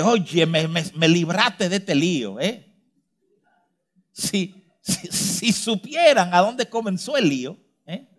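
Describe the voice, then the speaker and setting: A man preaching a sermon with emphasis, tossing in frequent rhetorical tag questions and moving between quick asides and slow, stressed words. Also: high-pitched, fairly bright tone.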